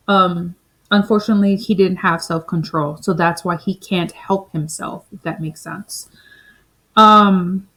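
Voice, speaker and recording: A woman's voice: lowish voice, a bit bright, rough recording. A woman in her thirties from the Caribbean, telling a personal story in a chatty, reflective way, full of "like" and "you know". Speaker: spiritual vlogger.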